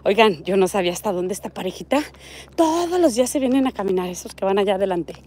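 Strolling a residential desert street with her phone, a middle-aged vlogger with a Mexican Spanish accent reads out viewer comments and points things out in a casual chat. She talks quickly at a medium pitch, with lively intonation and a slightly mellow tone.

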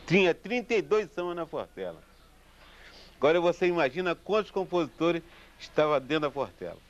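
A man's voice: a little high, brisk. A man with a Brazilian Portuguese accent, a samba composer, telling a story casually and acting out the people in it. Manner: animated, acts out the people in his story. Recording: dull lo-fi recording with faint guitar.

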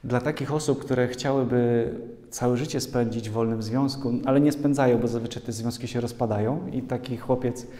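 Man, priest, lively sermon with jokes, mellow voice, long hall reverb. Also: medium pitch, moderate pace. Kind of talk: sermon to a youth community. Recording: echoey hall.

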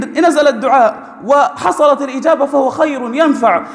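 A high-voiced man delivers a Friday sermon with mounting fervor, pressing his points until they ring out near a shout. His voice carries a long reverb of a large hall. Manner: fervent, rising to emphatic near-shouting in exhortations. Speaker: preacher.

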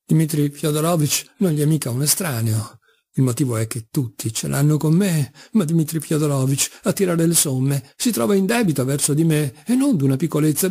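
A man putting on a shrill old buffoon father. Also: gravelly, warm tone, breathy edge. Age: older. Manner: theatrical, whining, mock-pleading. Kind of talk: audiobook character reading.

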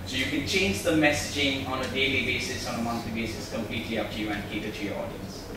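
A tech meetup presenter speaks fast from a podium in a large meeting room, explaining and putting questions to the crowd. His voice is mid-range with fairly even intonation. The distant camera mic yields noisy, echo-filled audio.

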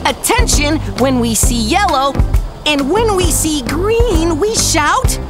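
An actor voicing a kindly, patient panda doctor in a children's cartoon, narrating and coaxing viewers with questions. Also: male voice, very high voice, lively intonation, slow pace, exaggerated voice. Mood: cheerful. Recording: voice over loud background music.

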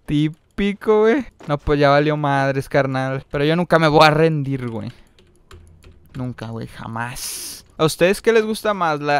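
A young man with a Mexican Spanish accent giving casual gameplay commentary, full of slang and breaking into loud excited yelling. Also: a little high, clear, resonant tone, no echo. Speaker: gaming streamer.

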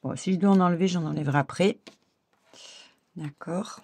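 Husky gravelly woman crafting tutorial. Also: fairly low pitch, moderate pace, a little mellow. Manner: chatty, laughs often, addresses viewers directly. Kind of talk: casual craft tutorial talk.

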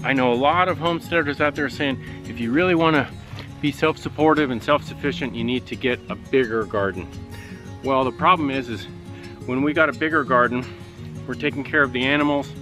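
A man in his forties who runs a homestead vlog talks casually to camera outside, at the edge of his yard and a busy farm. He speaks a little fast at medium pitch, with music playing underneath, recorded on a handheld or nearby camera mic.

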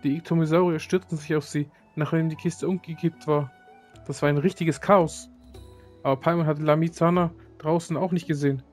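A man's voice: fairly high pitch, steady tone, brisk, a little mellow, faint music behind, close to an everyday voice. A man reading aloud the lines of a small chatty female companion, with slips.

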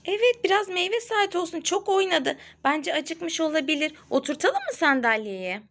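A woman's voice: very high voice, big pitch swings, moderate pace, fairly bright tone. Sing-song mother narrating doll play. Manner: chatty, sing-song, talks to the viewers. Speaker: mother hosting a kids' toy channel.

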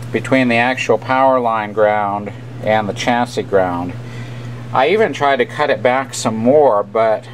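With a medium-pitched voice, a radio repairer describes his repair work casually and plainly, unscripted, while working at an indoor bench. The audio is poor, with a constant hum and room noise.

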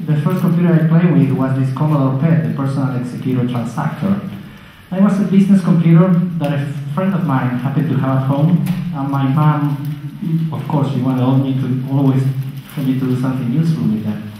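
A man's voice: medium pitch, fairly quick, a little hiss or hum. A man in his forties from Argentina with an Argentine Spanish accent, giving a friendly talk with a handheld mic in a large lecture hall. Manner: friendly, joking with the audience. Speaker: guest speaker. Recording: very echoey hall, dull sound.

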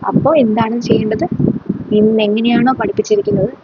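This solo sketch features a woman speaking fast in a steady, higher voice, lightly playing a stern, middle-aged schoolteacher who scolds and lectures her class sarcastically. The recording is very noisy and its highs are cut off.

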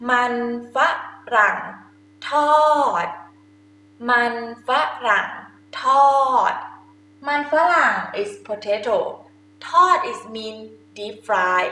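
A young adult woman from Thailand, a native Thai speaker with a Thai accent, teaches a language lesson to camera using simple, informal explanations. Her mid-range voice sounds pushed and bright, and the room is echoey with faint noise.

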